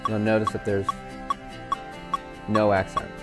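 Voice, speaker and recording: A man, a worship leader, walking viewers through app features in a relaxed, chatty way with fillers. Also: lowish voice, measured pace, loud music behind the voice. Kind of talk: casual software demo. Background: backing tracks playing.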